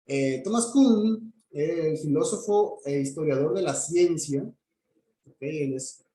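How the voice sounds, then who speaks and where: Speaking slowly in a warm, slightly high voice, a teacher explains a lesson to his class step by step. He checks understanding often with "¿ok?" and restarts frequently. There's a roomy quality to the sound.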